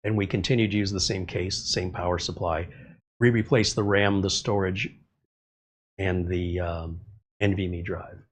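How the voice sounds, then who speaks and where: A middle-aged man with a low, steady, slightly breathy voice hosts a casual livestream at a moderate pace. He sounds a little congested as he rambles along and reads viewer comments aloud.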